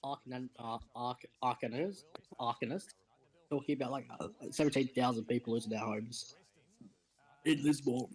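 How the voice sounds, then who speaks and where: An Australian man in casual stream chat, talking fast and stumbling over his words. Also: medium pitch, poor audio.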